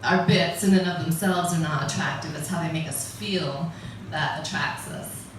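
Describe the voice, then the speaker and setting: This middle-aged American stand-up has a voice that sits low and moves at a normal speed, joking in a chatty, wry way and laughing along. Noisy background and an echoey room make her sound far off.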